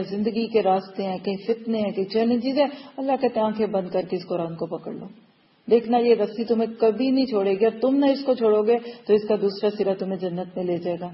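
A woman giving an earnest religious lecture on Quran verses as a teacher, exhorting her listeners and repeating phrases for emphasis. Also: mid-range voice. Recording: dull lo-fi recording.

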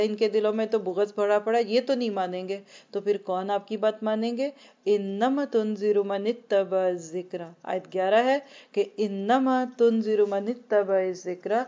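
A woman's voice: mid-range voice, mellow. Earnest woman teaching a scripture lesson. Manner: earnest explaining with rhetorical questions; slows right down to recite Arabic verses. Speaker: Quran teacher. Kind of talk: Quran lesson to women. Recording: dull lo-fi recording.

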